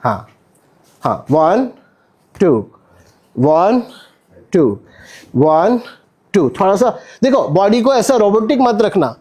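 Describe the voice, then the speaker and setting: Brief: male acting coach, high animated voice, energetic drill calls in a studio class. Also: slow, pauses often. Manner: energetic, counts and calls out corrections. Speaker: acting instructor. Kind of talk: coaching a stage-fight drill.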